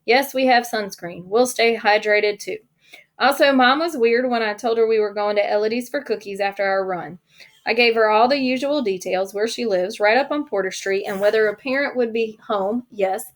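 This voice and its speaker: An earnest young girl, read by a woman narrator writes a worried, plain-spoken letter. The voice sits a little high. It is an audiobook reading. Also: moderate pace, close to an everyday voice.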